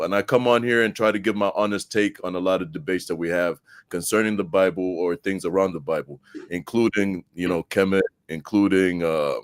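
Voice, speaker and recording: Deep-voiced man from Zambia. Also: no room sound, clean studio sound. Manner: relaxed, many fillers and restarts. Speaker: guest debater. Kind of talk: casual live-stream chat.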